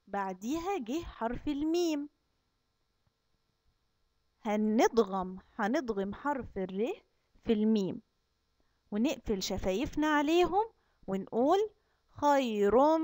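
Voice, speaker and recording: An Egyptian kindergarten Quran teacher records an online lesson for small children, her fairly high, animated voice a little mellow with no room sound. She speaks with an Egyptian Arabic accent, drawing out her recitation slowly and explaining quickly in between.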